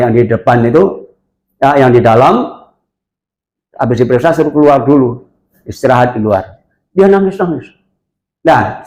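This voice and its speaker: A man preaching a lively sermon, telling stories and asking the congregation questions. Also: a little high. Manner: animated storytelling, asks the congregation questions. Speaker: pastor. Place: church hall. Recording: echoey church hall.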